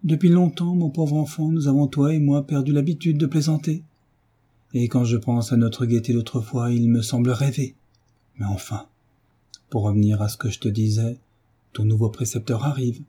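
A man reading a novel aloud, voicing a gentle mother who pleads tenderly but stays firm with her son. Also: mid-range voice, fairly even intonation, normal speed, breathy edge, close to an everyday voice.

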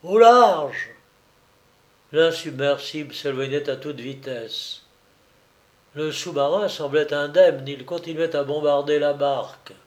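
A man reading an adventure novel aloud as narrator, in a slow, measured way. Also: a little high, fairly even intonation, darkish tone.

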